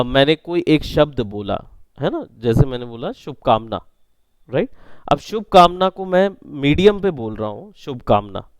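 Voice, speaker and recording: A male instructor giving a classroom lecture in a mid-pitched, crisp voice. His explanations are patient and he often checks that the class follows, with no room echo on the recording. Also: darkish tone. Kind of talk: classroom lecture on sound editing.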